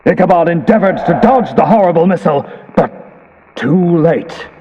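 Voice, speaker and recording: In the manner of an old radio horror drama, a man tells a scripted story with emphatic, suspenseful theatrics. His voice is fairly high and animated at a moderate pace, with a little hiss or hum. The lo-fi audio is dull, buried under loud ambience and horse-hoof effects.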